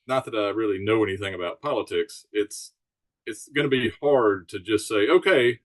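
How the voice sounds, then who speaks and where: Podcast guest: easygoing man, fairly low voice, informal and explanatory. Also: normal speed. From Alabama Gulf Coast, United States. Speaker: podcast guest, charter sailboat captain. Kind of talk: casual chat, explaining.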